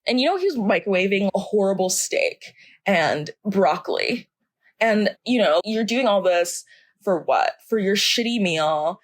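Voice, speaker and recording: In a dry recording, a young female podcast co-host with a mid-range voice and lively intonation rants at a measured pace about things she hates. She's heated, profane and casual, and laughs at her own story.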